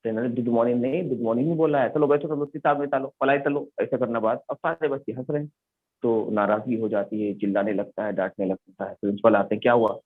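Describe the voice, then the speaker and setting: This English lesson comes through tinny, phone-like online audio. The male teacher has a mid-range voice with fairly even intonation and a quick pace, and he tells stories, quizzes the class, and repeats the key words.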